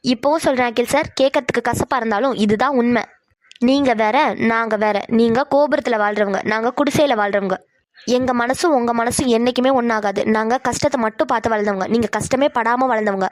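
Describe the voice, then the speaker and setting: A woman's voice: fairly high pitch, a little fast, dry recording, clean studio sound, lightly acted. A woman voicing a stubborn, proud young woman. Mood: bitter. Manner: defiant, argumentative. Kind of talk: cartoon voice acting.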